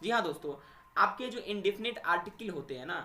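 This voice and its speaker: A man's voice: high-pitched, animated, brisk, pushed and bright, echoey room. A man teaching an English grammar lesson for exam preparation, calling students friends and posing questions he answers himself. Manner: addresses students as friends and little brothers, asks and answers own questions.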